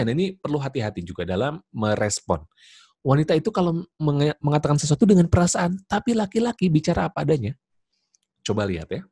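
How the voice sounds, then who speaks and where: A man giving a motivational online seminar talk, lively and jokey, speaking straight to his audience over a video call. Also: mid-range voice, husky, dry recording, studio quality.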